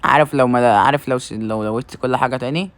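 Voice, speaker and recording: A man with an Egyptian Arabic accent giving casual gameplay commentary, excitedly calling out to his teammates and teasing them. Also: medium pitch, quick pace, no echo. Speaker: gaming video creator.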